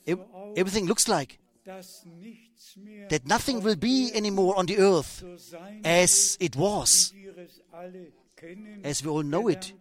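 An older man preaching a sermon in a slow, emphatic way, repeating his phrases and restarting as he goes. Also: high-pitched.

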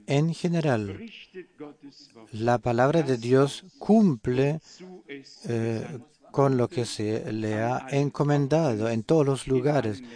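A man preaching a sermon in a measured way, pausing often with hesitant fillers. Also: mid-range voice, mellow. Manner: slow, measured delivery with frequent hesitations.

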